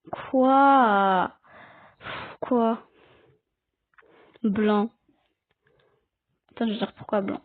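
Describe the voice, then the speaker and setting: A woman giving casual commentary while playing a game online, chatting, explaining the rules and arguing with other players. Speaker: gaming video creator. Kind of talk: casual Let's Play commentary. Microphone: cheap headset or desk mic. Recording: tinny low-quality mic.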